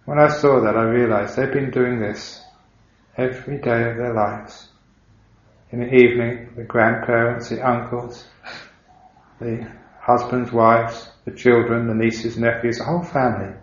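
An Englishman who is a Buddhist monk, giving a dharma talk in an unhurried, reflective storytelling way with gentle humor. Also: mid-range voice. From England. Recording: dull, roomy recording.

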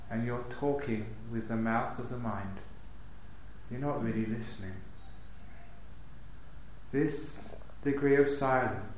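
A man gives a calm, unhurried dharma talk as a meditation teacher at a retreat, with light humor. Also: medium pitch, slight background noise. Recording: echoey hall, dull lo-fi sound.

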